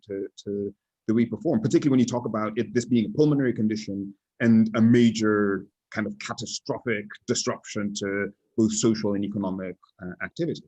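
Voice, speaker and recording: Husky low-voiced man, deliberate. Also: darkish tone, highs cut off. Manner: deliberate, frequent restarts. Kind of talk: casual podcast discussion.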